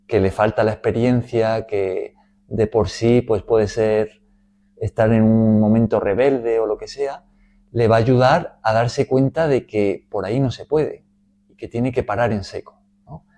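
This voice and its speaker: Guy teaching bible study, slow and mellow, keeps asking "¿no?". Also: mid-range voice. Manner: measured, frequent "¿no?" tags.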